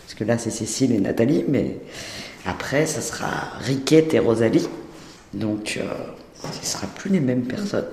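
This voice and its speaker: A woman's voice: rumbling low, expressive, moderate pace, warm tone. A woman, a clown by trade, chats casually in an interview. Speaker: professional care-setting clown. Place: echoing room in a care home. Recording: echoey room with faint background noise.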